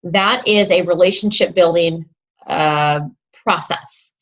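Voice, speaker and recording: A woman speaks in a lowish voice as she coaches newcomers, upbeat and encouraging, often pausing to check in with an "okay?". The recording sounds dull and lo-fi. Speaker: fitness coach. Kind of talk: instructional talk to new coaches.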